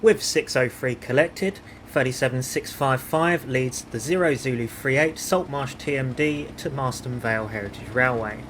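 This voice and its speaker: Measured male documentary narrator. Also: mid-range voice, background noise. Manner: measured, reads numbers and initials precisely. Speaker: video narrator.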